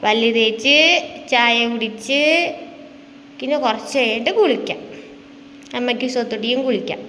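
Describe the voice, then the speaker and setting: A high-pitched woman chats with her toddler in a coaxing, sing-song voice, asking question after question. The sound is roomy, with a long reverb tail and a faint hum of background noise, as if from a home kitchen. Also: steady tone, moderate pace, fairly bright tone. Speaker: vlogger and mother. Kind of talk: casual chat with a small child.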